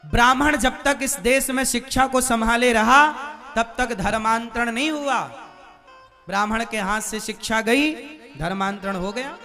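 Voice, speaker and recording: A man's voice: extremely high pitch, unhurried, sharp tone, soft background music. A man preaching to a live audience, asking rhetorical questions and quizzing the crowd. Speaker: religious preacher.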